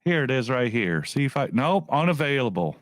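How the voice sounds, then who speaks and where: Swearing male YouTube ranter, lively pitch. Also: brisk, no room sound, clean studio sound. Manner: profane, repetitive, restarts phrases. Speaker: YouTube commentator. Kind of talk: casual rant to camera.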